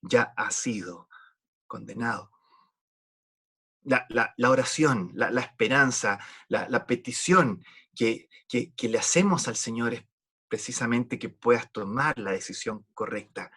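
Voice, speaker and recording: A man's voice: mid-range voice, unhurried, pushed and bright, breathy edge. A man preaching a sermon in an earnest, pleading way, often repeating words as he restarts a thought.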